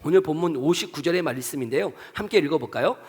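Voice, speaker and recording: Korean pastor guy preaching, high voice, acts out the people in the story, keeps asking the crowd questions, long church-hall echo. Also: lively intonation, fast talker, breathy edge. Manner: asks the congregation many questions. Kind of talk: sermon. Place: church sanctuary.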